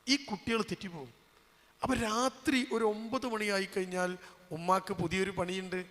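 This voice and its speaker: A man preaching a sermon, swinging from loud calls to hushed asides and firing rhetorical questions at the crowd. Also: high-pitched, in a large hall. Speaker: Islamic preacher and college lecturer.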